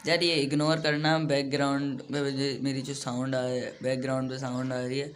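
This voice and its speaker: A man's voice: medium pitch, level tone, a little fast, a little hiss or hum. A young man giving casual, rambling commentary over his own mobile shooter gameplay, often poking fun at his own mistakes. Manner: chatty, rambling, self-deprecating. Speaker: gaming YouTuber.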